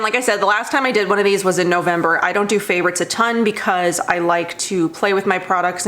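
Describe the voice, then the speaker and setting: Young woman beauty vlogger, rambly and chatty, lots of ums, mid pitch. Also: a bit bright. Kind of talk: casual chat to camera. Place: home room with cats.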